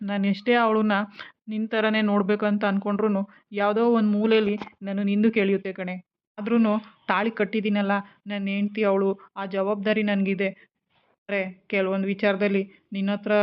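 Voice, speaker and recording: An actress playing a teasing husband torn between two wives, with a quick, teasing way of talking. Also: female voice, medium pitch, natural voice. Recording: dull lo-fi sound.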